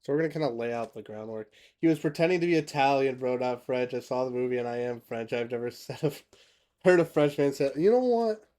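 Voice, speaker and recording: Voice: medium pitch, animated, fast, dark tone. A streamer from Canada chatting casually while playing a game, laughing often, swearing now and then and reading out chat messages. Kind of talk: casual gameplay commentary.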